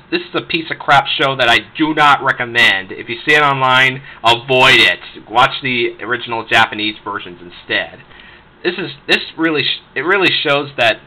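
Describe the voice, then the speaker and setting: A man's voice: mid-range voice, sharp tone, rough recording. A man giving an unscripted, rambling ranting review of shows he dislikes, with many restarts, swearing and laughs.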